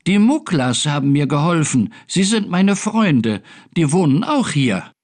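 A man voicing a frightened little male kitten in a read-aloud story for a game, squeaking, sobbing and stammering. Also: big pitch swings, a little slow, darkish tone. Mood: eager.

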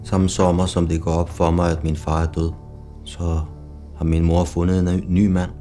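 A middle-aged man telling his own life story in a slow, blunt, confessional way, with bursts of swearing. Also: low-pitched, little pitch movement, mellow. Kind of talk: personal testimony narration. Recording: music playing behind.

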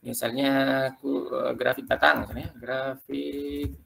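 A man leading a quick, loose tutorial for teachers, talking them through slides step by step. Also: medium pitch, little pitch movement, vocal fry, pushed and bright, a little hiss or hum. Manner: quick, loose explaining, keeps addressing listeners as "Bapak Ibu". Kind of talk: live screen-share tutorial.

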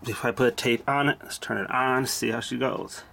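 Gravelly, pushed, and bright, this man's medium-pitched voice moves at a normal speed. He's a hobbyist fixing a vintage machine on camera, offering blunt, salty, casual remarks. The recording is noisy amateur camera audio with machine hum.

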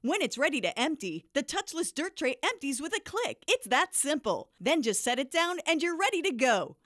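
A woman's voice: high-pitched, sing-song, normal speed, fairly bright tone, dry recording, clean studio sound. A woman delivering a hard-sell TV ad voice-over as an infomercial announcer, with emphatic, punchy salesmanship.

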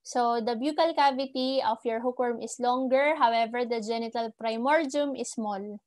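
A woman's voice: on the high side, normal speed, a little mellow, no room sound, studio quality. Filipino woman teacher switching languages midsentence. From Philippines. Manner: switches between English and Tagalog midsentence. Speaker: parasitology teacher. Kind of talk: online lecture reviewing slides. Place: indoor room, recorded screen-share lecture.

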